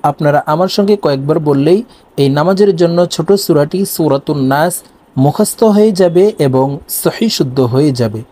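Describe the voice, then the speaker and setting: A man with a fairly high voice teaches recitation in a video lesson. He talks directly to his viewers and takes each word apart patiently, sound by sound. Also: brisk, warm tone. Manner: patient and repetitive, breaking words down sound by sound.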